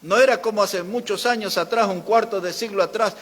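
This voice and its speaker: Emphatic older Argentine preacher in a reverberant hall. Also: male voice, high-pitched, fairly quick, a bit bright. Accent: Argentine Spanish. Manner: emphatic, repeats phrases for stress. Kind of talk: sermon. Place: church hall.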